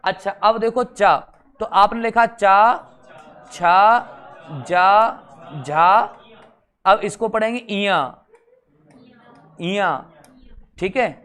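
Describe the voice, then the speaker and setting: A man's voice: sits high, fairly even intonation, slow pace, pauses often, fairly bright tone, clear, resonant tone. A male teacher giving an exam-prep grammar lesson, drilling syllables in chanted rows, joking along the way and repeating "theek hai" often.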